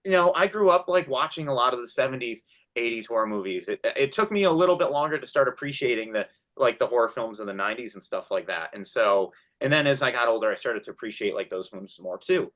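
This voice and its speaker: A man's voice: medium pitch, fast. A man around thirty, a film director as a guest, chatting casually in an interview with lots of restarts and fillers. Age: 30s. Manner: animated, many restarts and fillers.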